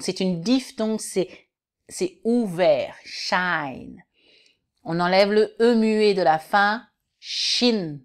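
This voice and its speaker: A woman teaching English vowel sounds in a patient online lesson, repeating each word slowly and clearly for learners. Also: mid-range voice.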